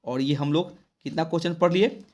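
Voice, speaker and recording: A male English teacher from Bihar, with an Indian English accent, teaching an exam-prep lesson. He reads English answers out slowly and then explains them in quick, colloquial Hindi. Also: fairly high pitch, a little mellow.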